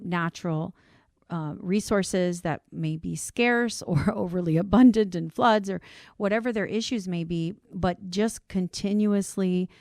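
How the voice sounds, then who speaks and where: Recorded in the studio without echo, she speaks in a voice on the low side, carrying a Cuban Spanish accent. Raised on the US East Coast by a Cuban family, the insurance brokerage CEO tells her story as a podcast guest in a conversational interview, heartfelt and earnest, animated when amused.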